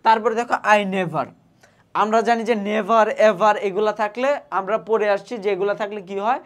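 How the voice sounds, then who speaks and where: Woman, Bangladeshi Bengali accent, exam tutor, step-by-step explanations, spells words by syllable, mid pitch. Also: fairly even intonation, measured pace. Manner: explains step by step, often asks "ঠিক আছে?". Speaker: admission test English tutor. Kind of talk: exam prep lesson.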